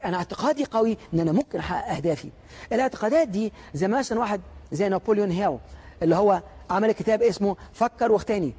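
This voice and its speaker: A man with an Egyptian accent giving an animated motivational lecture, full of stories and rhetorical questions to the audience. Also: high voice, breathy edge. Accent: Egyptian Arabic.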